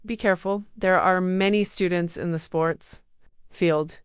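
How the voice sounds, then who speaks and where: A woman voicing a punctual schoolgirl in a storybook reading, brisk and urging. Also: lowish voice, steady tone, clear, resonant tone, no room sound, studio quality, natural voice. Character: punctual schoolgirl who hates being late.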